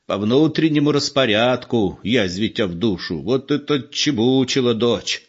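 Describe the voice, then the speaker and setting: A shrewd old village man grumbles and scolds in a gruff voice, as a male reader puts him on. He is a sly storybook elder. The recording sounds dull and lo-fi. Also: medium pitch, lively intonation, moderate pace, voice pushed up. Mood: grumbling.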